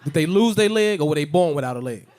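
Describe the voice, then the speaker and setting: A young man from Chicago doing an animated stand-up set, slipping into shouted character voices. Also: on the high side, quick pace. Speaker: stand-up comedian.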